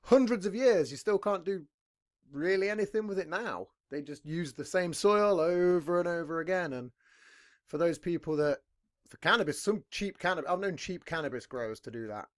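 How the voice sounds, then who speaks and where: A man's voice: high voice, expressive, moderate pace. A young British man hosting a casual podcast from a dim room at home on a headset mic, rambling and swearing freely. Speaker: podcast host. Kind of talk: casual chat.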